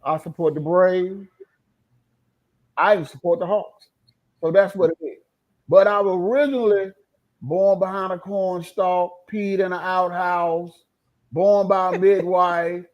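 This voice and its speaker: A man's voice: sits high, steady tone, unhurried. A man from North Carolina, a guest in a casual interview, telling stories in a boastful, humorous way. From North Carolina, United States. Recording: dull lo-fi audio.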